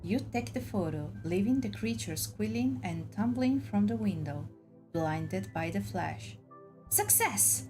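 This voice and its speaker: A woman reads story game narration in a dramatic, storybook style, now and then stumbling over words. Her mellow, mid-range voice is animated and measured in pace, with clear background music playing beneath her.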